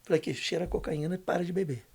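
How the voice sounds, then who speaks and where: Older man with a gravelly voice. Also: a little high, fairly even intonation, racing. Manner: emphatic, slangy, dips to a hushed voice for quoted lines. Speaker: guest. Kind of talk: storytelling testimony.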